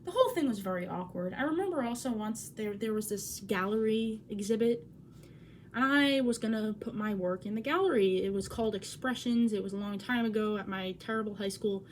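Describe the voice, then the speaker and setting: At home by a window, a woman in her twenties vlogs in an awkward, rambling way, cutting herself off and swearing. Her voice is medium-pitched and a little fast, with a slight hiss or hum in the audio.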